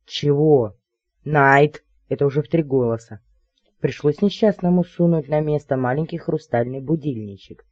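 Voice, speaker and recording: A man narrating an audiobook in the first person, in a soft, dry reading voice. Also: a little high, brisk, slightly rough, dry recording, lo-fi sound.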